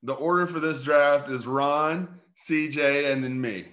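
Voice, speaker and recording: A man's voice: on the high side, unhurried, a bit bright. A man co-hosting a casual sports podcast from a remote call, upbeat as he lays out the rules, his voice cutting out on a bad connection. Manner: upbeat, laying out the game rules. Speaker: podcast co-host. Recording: dull, echoey remote call audio.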